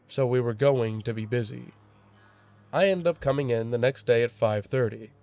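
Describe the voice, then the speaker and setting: A man's voice: mid-range voice, a little mellow. Wry young man telling a scary story. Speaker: horror story narrator. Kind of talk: scripted storytelling narration.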